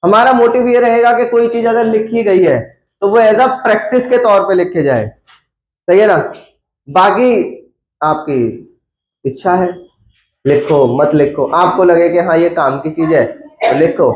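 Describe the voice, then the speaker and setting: High-voiced man teaching in echoey classroom. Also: a little slow, highs cut off. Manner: chatty, coaxing, quizzes students. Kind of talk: classroom lecture.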